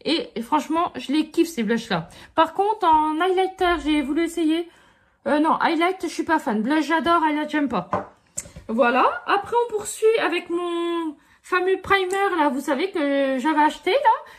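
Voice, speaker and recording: A woman's voice: sits high, lively intonation, moderate pace. A middle-aged woman chatting casually through a haul review, full of fillers and asides to her viewers. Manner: chatty, many fillers like euh and franchement. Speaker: beauty vlogger.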